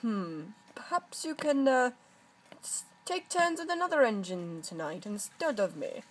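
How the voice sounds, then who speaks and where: A woman's voice: fairly high pitch, very animated, measured pace, slight background noise. A woman voicing a kindly, thoughtful male engine who speaks hesitantly. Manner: hesitant, ponderous.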